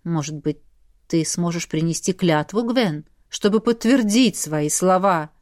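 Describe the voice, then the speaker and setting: Icy nobleman husband, lower and quiet, mock-innocent; read by a woman for an audiobook. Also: fairly quick, vocal fry, husky, dry recording, clean studio sound, exaggerated voice. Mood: cold mocking. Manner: soft, falsely innocent and icy. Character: cold, mocking young nobleman husband.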